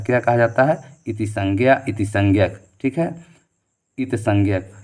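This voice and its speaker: A man's voice: mid-range voice, darkish tone. Man drilling students through quiz questions. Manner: reads each question and its options, then reasons aloud to the answer; repeats key answers as a question-and-answer drill. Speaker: teacher. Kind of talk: exam-prep quiz lesson.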